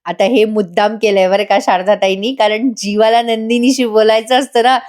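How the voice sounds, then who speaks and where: A woman's voice: mid-range voice, flat delivery, moderate pace, a little mellow. A woman giving a chatty voice-over recap of a TV serial, talking straight to viewers and laughing often. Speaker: TV serial reviewer.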